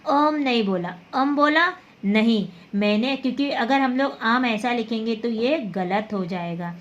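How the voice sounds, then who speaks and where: Woman teacher, slow and patient, somewhat high voice, dull lo-fi audio. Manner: patient, repeats words and checks with "theek hai". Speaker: Hindi teacher. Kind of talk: slow classroom explanation.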